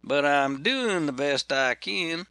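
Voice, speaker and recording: A man voicing a well-meaning Southern carpenter with a long, drawn-out Georgia drawl. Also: a little high, expressive, pushed and bright, no echo, voice pushed up, exaggerated voice. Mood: plaintive.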